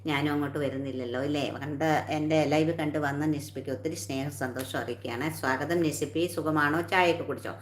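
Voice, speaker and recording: A woman's voice: low voice, fairly even intonation, fast talker, few pauses, echoey room, a little hiss or hum. A woman hosting a casual live stream, chatting with viewers and greeting each one by name.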